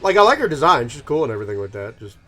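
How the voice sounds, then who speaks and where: A man's voice: mid-range voice, big pitch swings, very fast, pushed and bright, soft background music. A man in his thirties giving rambling, casual let's-play commentary, full of ums and self-amused laughs. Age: 30s. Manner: rambling, filler-heavy, laughs at himself. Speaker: gaming channel host.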